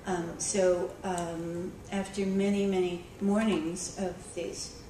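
A school librarian tells a story in a conversational conference talk, full of ums and restarts. Her voice is fairly low and warm, with little pitch movement, and she takes it slowly. Recorded from far off in an echoey conference hall, the audio has background noise.

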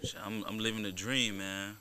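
Speaking into a close boom-arm microphone in a small indoor podcast studio, a young adult American host trades casual, slangy, profane banter and argues his case. His voice is lowish and smooth with little pitch movement, a bright, forceful tone, and a moderate pace.

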